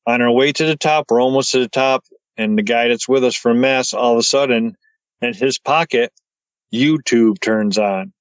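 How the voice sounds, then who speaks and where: A man telling his story as a podcast guest, excited and stumbling over his words as he gets wound up. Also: mid-range voice, moderate pace, smooth, no echo, rough recording.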